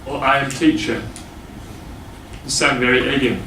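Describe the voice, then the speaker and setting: A man teaching English grammar to a class, explaining slowly with many pauses and fillers. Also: mid-range voice, steady tone, noisy background. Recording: echoey classroom from far off.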